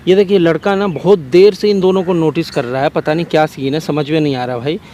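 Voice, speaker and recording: A man hosting a hidden-camera prank outdoors in a park, talking in an excited, repetitive way and urging others on. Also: on the high side, fairly quick, slight background noise. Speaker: prank video host.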